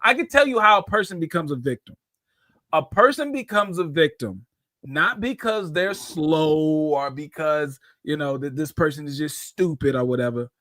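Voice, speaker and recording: A man with a fairly high voice hosts a live call-in show, explaining things at length in a loose, conversational way. The sound is dry and close, with no room around it. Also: lively intonation, moderate pace, bright, forceful tone, no echo. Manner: conversational, explains at length, brings callers on air. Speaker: host.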